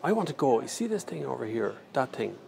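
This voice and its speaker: A crowd murmurs in the background as an Irish car reviewer streams live from a handheld phone in a large indoor airport terminal, rambling and joking in slangy replies to viewers. His mid-range voice is sing-song and fairly quick with vocal fry, and the recording picks up faint terminal noise.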